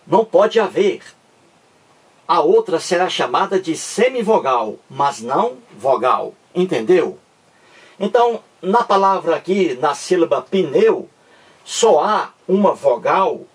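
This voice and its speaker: Slow, lively male teacher. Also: fairly high pitch, breathy edge, recorded from a distance. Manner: slow, repetitive, checks understanding with the class. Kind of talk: grammar lesson.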